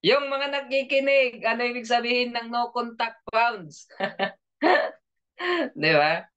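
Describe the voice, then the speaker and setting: Coaching an online training session, this man keeps listeners involved with frequent questions while joking and laughing often. He speaks slowly in an extremely high, expressive voice that is a bit bright, clear and resonant. Dull, lo-fi audio.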